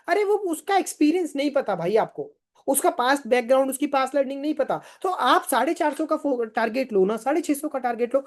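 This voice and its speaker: A man's voice: very high-pitched, darkish tone. A man running a live online sales training, emphatic and firing rhetorical questions, urging viewers to answer in the chat.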